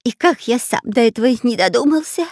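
A woman's voice: a little high, lively intonation, a little fast, darkish tone, no room sound, clean studio sound, pitched above the performer's own voice. A woman doing a whiny cowardly robber. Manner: whining, squealing, quarrelsome. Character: whiny, cowardly long-nosed male robber. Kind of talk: audiobook character voice.

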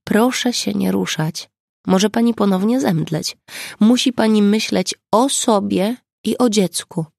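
A reader doing a calm, reassuring grown woman. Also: medium pitch, a little slow, no echo, clean studio sound, voice pushed up. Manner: calm, clear and firm.

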